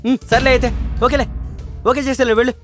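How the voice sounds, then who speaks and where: A man's voice: extremely high pitch, little pitch movement, fast talker, a bit bright. A man playing a pompous, bossy film director who mocks and scolds his writer. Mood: scolding. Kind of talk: comedy short film acting. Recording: music playing behind.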